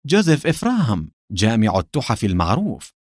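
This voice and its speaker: A man reading a cunning male agent in an audiobook, putting on fake fury with a lower voice that swings up and down a lot, theatrical and sharp-edged, dry close sound. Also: big pitch swings, fast talker, dry recording. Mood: feigned anger. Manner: mock-angry, theatrical. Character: cunning male secret agent feigning anger.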